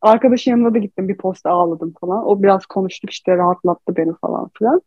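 A woman's voice: medium pitch, fast, darkish tone, dry recording. A woman in casual confessional chat, telling a personal story candidly and emotionally, on a dull lo-fi recording.

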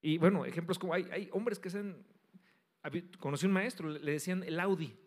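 A middle-aged man preaching a sermon as pastor, emphatic, swinging between loud stresses and soft drops. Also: high voice, a little fast.

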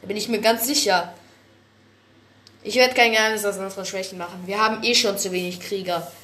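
A woman voicing a calm, coldly controlled male warrior cat clan leader in a spoken story. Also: medium pitch, brisk, close to an everyday voice. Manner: cold, controlled.

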